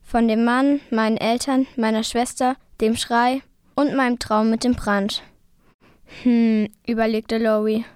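Give me a woman reading a first-person story aloud, chapter by chapter, in a rather high voice. She cries out the shouted dialogue. The sound is dry and close to the mic. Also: steady tone, unhurried, clean tone, dry recording.

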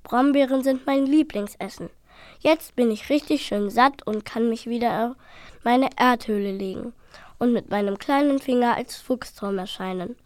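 A woman voicing a huge, gentle male giant who speaks slowly and kindly in a storybook reading. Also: no echo, clean studio sound, close to an everyday voice. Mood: content. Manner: slow, deep-voiced, kindly.

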